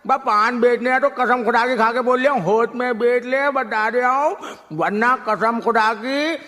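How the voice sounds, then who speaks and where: A man's voice: very high voice, a little slow, bright, forceful tone. A man in a comic sketch, irritable and scolding, laughing as he rants. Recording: hall reverb with clear noise.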